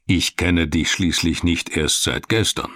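A man's voice: deep voice, steady tone, measured pace, bright, forceful tone, no echo, clean studio sound. A man reading the part of a serious, authoritative male police official who speaks in a stern, commanding way.

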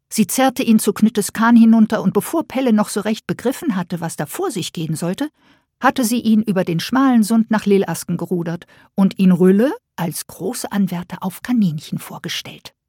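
A woman narrating a children's story in a gentle, expressive audiobook reading. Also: medium pitch, normal speed, breathy edge, no echo, clean studio sound.

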